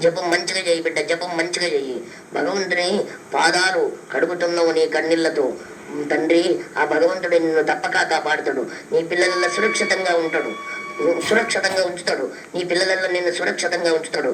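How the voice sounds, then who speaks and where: A woman's voice: on the low side, steady tone, fast, a bit bright. A woman spiritual teacher, giving fervent devotional blessings and repeating phrases over and over. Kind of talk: devotional blessing, repetitive chanting. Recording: echoey room with faint background noise.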